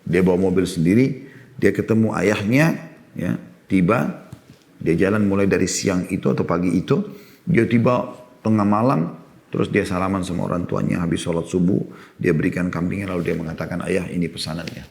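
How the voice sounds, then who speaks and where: A man's voice: low-pitched, a little fast, creaky, a little mellow. A middle-aged man giving a sermon as an Islamic preacher, telling stories with shifting emphasis. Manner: storytelling, varied emphasis, rising for key points.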